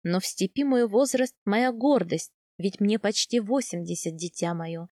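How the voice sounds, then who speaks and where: A woman reading an audiobook, voicing a dignified widow of nearly eighty who speaks in a measured, formally polite and instructive way. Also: mid-range voice, warm tone, no room sound, studio quality, close to an everyday voice. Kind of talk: audiobook character voice.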